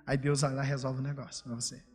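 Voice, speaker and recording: A man preaching a sermon, swinging between shouted fervor and low, confiding talk. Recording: music under, long hall reverb.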